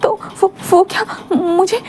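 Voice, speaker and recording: Voicing a heartbroken young man, a woman sobs and stammers, repeating words as he cries and begs to be loved. Her voice is high, dark, steady, fairly quick and close to everyday speech, with slight background noise.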